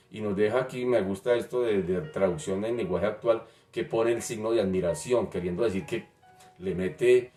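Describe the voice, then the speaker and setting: A man preaching a sermon, emphatic and repeating phrases for stress. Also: fairly low pitch. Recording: roomy, distant mic, faint music.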